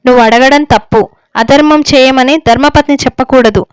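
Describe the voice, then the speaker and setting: In a story reading, a woman voices a stern older village elder, a husband who lectures on righteousness in a moralizing, unbending way. Her high voice is smooth and natural at a moderate pace, with no echo.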